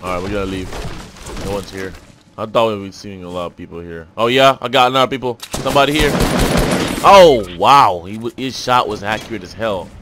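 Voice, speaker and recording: A man's voice: on the low side, a little fast, noisy background. A man chatting casually as a gaming YouTuber, loose and rambling, with urgent repeated callouts. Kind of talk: casual gameplay chat.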